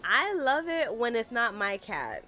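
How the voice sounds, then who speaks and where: Her voice is on the high side, very animated, bright and forceful, yet measured in pace, with soft background music. A young woman streaming a game from her room at home chats casually into a desk microphone, exasperated and stuffed with "like" fillers.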